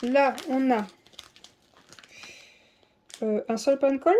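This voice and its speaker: A woman's voice: sits high, steady tone, slow pace, mellow, slight background noise. A woman chatting casually through an unboxing, full of fillers and self-deprecating asides. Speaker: diamond painting vlogger.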